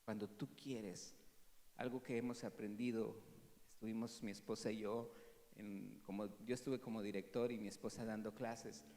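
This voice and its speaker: A man, a pastor preaching an animated sermon that swings from loud to hushed. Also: fairly low pitch, normal speed, big-room sound. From Mexico. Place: church hall.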